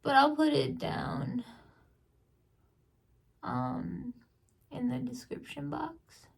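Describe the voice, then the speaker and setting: A woman beauty vlogger rambles slowly through her makeup routine in a casual chatty way. Her voice sits high but carries heavy gravelly fry and a husky edge. She sounds a little away from the mic. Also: steady tone, distant mic. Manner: chatty, rambling, often trails off with small laughs. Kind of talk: casual makeup tutorial chat.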